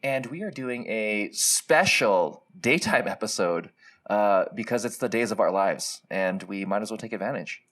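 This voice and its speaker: A man from Hawaii with a Hawaiian accent, co-hosting a casual podcast in a relaxed, friendly way with local slang. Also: lowish voice, normal speed. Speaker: co-host.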